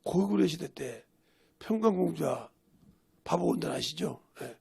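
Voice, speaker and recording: Male pastor preaching a sermon, high lively delivery, raspy gravel, rhetorical questions. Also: unhurried.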